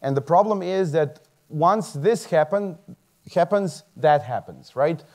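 A man's voice: fairly high pitch, measured pace. Earnest man on stage. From Croatia. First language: Croatian. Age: 30s. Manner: lively and earnest, chuckles often, restarts words. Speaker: medical student giving a talk. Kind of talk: motivational stage talk. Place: large dark theater stage.

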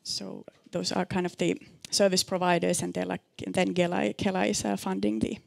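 A woman presenting her research in a seminar room, speaking through a headset mic. Her voice is gravelly and fairly flat in pitch, and she pauses often with fillers and restarts. The sound is dry and close. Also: no echo. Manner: hesitant, many fillers and restarts. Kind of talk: answering audience questions at a seminar.

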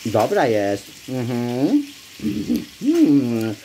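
A man's voice: medium pitch, wildly swooping pitch, extremely slow, noisy background. A man vlogger chatting to his viewers about the food while his mouth is full of food. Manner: chatty, addresses viewers directly. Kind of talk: casual food-tasting commentary to viewers.

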